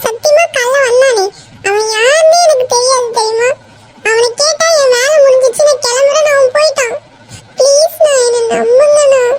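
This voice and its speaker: A woman's voice: brisk, low-quality recording. A woman voicing a tearful young woman in a cartoon, pleading and sobbing as she insists on her love. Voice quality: very high shifted cartoon voice. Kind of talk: cartoon voice acting.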